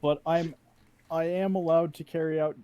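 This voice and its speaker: A man's voice: a little high, steady tone, normal speed, warm tone, slight background noise. A man chatting casually as a tabletop game player, explaining and arguing his points.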